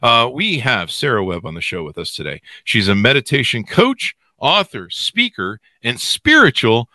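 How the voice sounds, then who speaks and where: A man's voice: medium pitch, big pitch swings, normal speed, bright, forceful tone, dry recording, clean studio sound. A man hosting a podcast with a voice that is giving out and cracking, rambling through an off-the-cuff, joking intro. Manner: joking, rambling, theatrical exaggeration. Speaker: podcast host.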